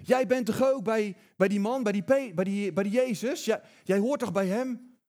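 Man doing a shrill accusing servant girl. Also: moderate pace, mellow, natural voice.

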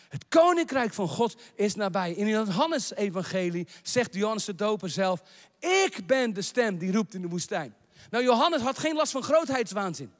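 A man preaching a sermon, building to shouted proclamations and dropping in English phrases. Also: high voice, in a large hall.

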